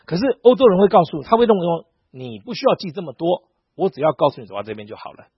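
A man's voice: on the high side, fast, slightly rough, no echo. A middle-aged pastor from Taiwan, preaching a sermon and acting out dialogue as he tells stories. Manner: animated storytelling, acting out dialogue. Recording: dull lo-fi sound.

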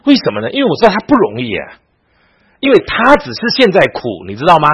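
Husky-voiced male pastor teaching a class. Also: on the high side, huge pitch swings, fast, fairly bright tone, muffled recording. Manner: storytelling with frequent rhetorical questions to the class. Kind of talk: Bible class lecture.

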